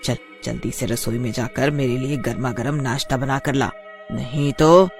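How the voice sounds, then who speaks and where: A man's voice: medium pitch, moderate pace, music in the background, lightly acted. A man voicing a fussy, nagging old mother-in-law in a cartoon story, whiny and easily frightened.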